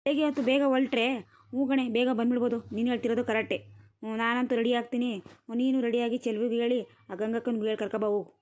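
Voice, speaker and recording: A grumbling middle-aged village mother-in-law, voiced by a woman in a comic cartoon, sighing and complaining. Her voice sits a little high and she talks at a quick clip. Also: little pitch movement, darkish tone, close to an everyday voice. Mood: chatty. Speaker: cartoon voice actor.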